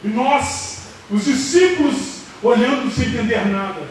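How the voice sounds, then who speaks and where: A man with a Brazilian Portuguese accent preaches in a high voice, retelling a story in vivid bursts that climb to shouts. He sounds set back from the mic, and the church hall rings with heavy echo and noise. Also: animated, a little slow. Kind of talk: dramatic sermon storytelling. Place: church service. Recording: echoey hall, distant mic, noisy.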